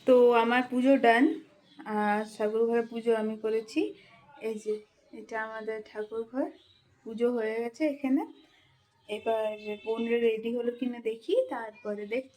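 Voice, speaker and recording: Hushed Bengali woman vlogging outdoors. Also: on the high side, little pitch movement, normal speed. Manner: soft hushed talk while walking. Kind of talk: casual vlog narration. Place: outdoor temple grounds.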